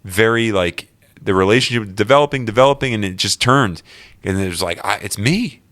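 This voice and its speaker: Male guest, deep voice, earnest and animated storyteller. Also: brisk. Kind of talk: personal story in an interview.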